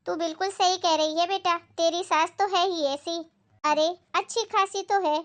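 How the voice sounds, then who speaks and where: A woman doing a sharp-tongued middle-aged mother-in-law in a family moral skit. She scolds in a very high voice. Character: nagging middle-aged mother-in-law who avoids housework.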